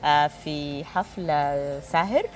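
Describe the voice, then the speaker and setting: A woman's voice: low voice, a little slow, a little mellow. A woman with a Sudanese Arabic accent announcing prizes and promotions conversationally, with hesitant filler sounds. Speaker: perfume company representative and prize announcer. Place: TV studio, standing.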